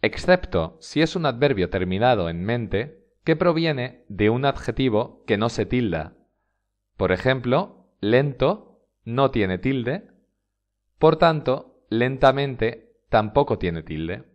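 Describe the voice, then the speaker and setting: Male Spanish teacher with a Spain accent; unhurried scripted lesson delivery, very expressive pitch. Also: highs cut off. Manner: slow, deliberate, stresses example words. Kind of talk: scripted instructional narration.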